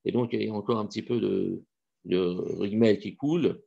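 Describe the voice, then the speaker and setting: Brief: gravelly, animated man giving a religious lesson with storytelling, dull lo-fi sound. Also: lowish voice, normal speed. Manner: animated, hesitant with many fillers. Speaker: Torah teacher. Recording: dull lo-fi recording.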